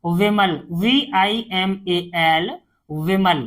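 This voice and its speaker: A woman's voice: lowish voice, extremely slow. A woman tutoring a beginner spelling lesson, reading each word, spelling it letter by letter, then repeating it. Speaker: English tutor.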